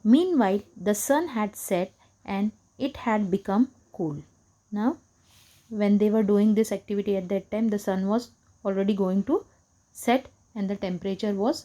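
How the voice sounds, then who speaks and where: Teacher explaining a story. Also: female voice, mid-range voice, warm tone, slightly rough, rough recording. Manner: rereads lines, then paraphrases with rhetorical questions. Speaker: school English teacher. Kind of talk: explaining a textbook story line by line.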